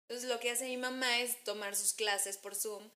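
A young woman with a Mexican accent chatting casually, telling stories and acting out quotes with sudden jumps in pitch. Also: normal speed, roomy sound, background noise. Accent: Mexican Spanish. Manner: animated storytelling, acts out quotes with jumps in pitch. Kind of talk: casual chat.

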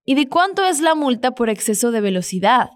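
A woman leading a Spanish lesson, prompting listeners to repeat phrases after her. She speaks clearly and patiently, encouraging learners along the way, in a fairly high voice. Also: very animated, a little fast. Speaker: Spanish teacher. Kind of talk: language lesson with repetition drills.

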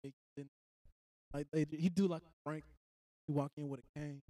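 A man's voice: fairly even intonation, brisk, dark tone, no echo, clean studio sound. A man co-hosting a podcast in casual joking chat, crude and playful. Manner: crude, jokey, slips into high silly voices. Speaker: podcast co-host.

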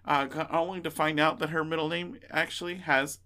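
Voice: medium pitch, steady tone, a little fast, pushed and bright. A podcast co-host in casual chat, rambling through stories with playful teasing.

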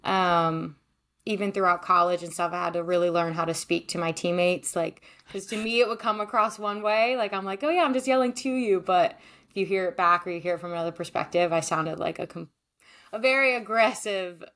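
A woman's voice: on the low side, brisk, a bit bright. A young woman from Maryland, a former goalkeeper, answering interview questions in a chatty way with many fillers and laughs. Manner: chatty, many likes and ums, laughs often. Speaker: podcast guest, former goalkeeper.

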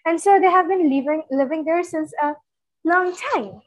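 A woman co-hosting a casual book discussion, retelling chapters in an animated, stuttering way with frequent laughs. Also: very high voice, normal speed, no room sound, poor audio. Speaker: book club co-host.

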